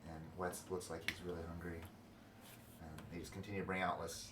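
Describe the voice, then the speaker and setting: A man narrating as dungeon master of a tabletop game, excitable and quick to laugh. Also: deep voice, noisy background. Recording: echoey room, mic far off.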